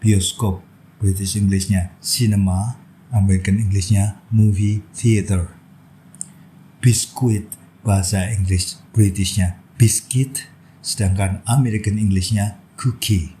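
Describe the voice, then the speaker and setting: A man teaching a vocabulary lesson, reading out word pairs one after another in a slow, steady, patient way. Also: fairly low pitch, slight background noise, rough recording. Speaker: English teacher.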